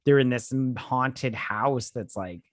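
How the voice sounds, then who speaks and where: A man hosting a boozy movie chat, recorded close and dry. He is a little tipsy and swears freely, with exclamations and mock outrage, in a mid-pitched voice. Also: slow pace, no echo. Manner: drinking, tipsy. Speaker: podcast host. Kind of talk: casual comedic chat about movies.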